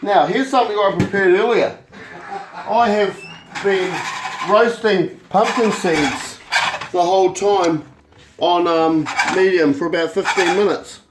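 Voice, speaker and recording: A man's voice: sits high, measured pace. Casual, sweary man cooking over background noise. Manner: informal, sweary. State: drunk. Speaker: amateur cook demonstrating a recipe. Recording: clear background noise, clicks.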